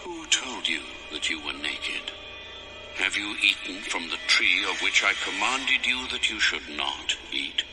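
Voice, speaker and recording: A man's voice: deep voice, animated, over music. A man playing God as a stern, commanding deity in a dramatized audio scripture, speaking solemnly and weightily. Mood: stern questioning. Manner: solemn, slow, weighty pronouncements.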